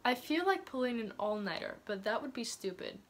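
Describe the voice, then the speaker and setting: A woman's voice: on the high side, very animated, a little fast. A twenty-year-old woman chatting casually and reading aloud in an embarrassed, self-mocking way, with theatrical asides. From Thailand. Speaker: vlogger reading her teenage diary. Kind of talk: casual chat mixed with reading aloud from a diary.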